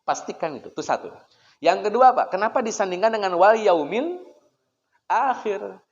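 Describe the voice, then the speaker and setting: A man's voice: high voice, sing-song, moderate pace. A man giving a conversational religious lecture in a prayer room, asking rhetorical questions and often addressing his listeners directly. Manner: chatty, poses rhetorical questions, keeps addressing listeners as sir. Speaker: Islamic preacher. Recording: echoey hall, dull lo-fi sound.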